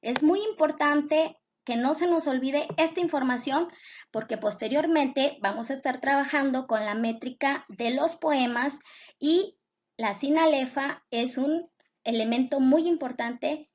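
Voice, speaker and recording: A woman's voice: sits high, measured pace, darkish tone. A woman teacher giving a patient lesson, repeating her points and checking in with her students. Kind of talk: classroom lesson explaining poetry. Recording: dull lo-fi sound.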